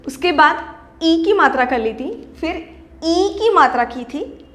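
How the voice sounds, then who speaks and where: A woman teaching a primary school Hindi class online, patiently drilling words slowly and often asking "ठीक है?" with a rising lift. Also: very high voice, expressive, a bit bright. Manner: slow, drawn-out word drills. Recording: roomy echo.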